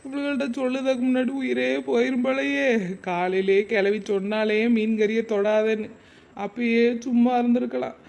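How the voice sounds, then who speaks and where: A woman's voice: a little high, steady tone, moderate pace, gravelly, darkish tone. A woman voicing a young village wife with a fish bone stuck in her throat, muttering bitter asides. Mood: desperate.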